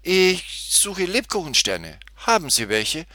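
A man's voice: high-pitched, wildly swooping pitch, takes it slowly, bright, forceful tone, no echo, voice pushed up, heavily acted. A man voicing an eager, chirpy little girl in a storybook reading. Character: cheerful little girl Tutti.

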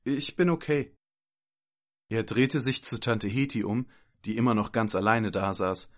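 A man calmly reading a children's story aloud as narrator. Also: lowish voice, normal speed.

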